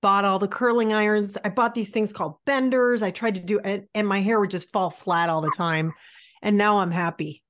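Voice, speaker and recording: A woman's voice: mid-range voice, fairly even intonation, moderate pace. A woman in her late forties co-hosting a podcast, chatting candidly and poking fun at herself, with plenty of fillers. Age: 40s. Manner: candid, self-deprecating, chatty with many fillers. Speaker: podcast co-host. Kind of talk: casual chat.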